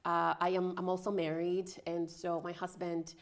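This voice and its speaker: A woman's voice: fairly low pitch, monotone, moderate pace. A woman in her forties from the Dominican Republic, a guest on a talk show, speaking in a reflective, conversational way. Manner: warm, reflective, with fillers and restarts. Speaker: guest fashion designer. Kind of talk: conversational interview.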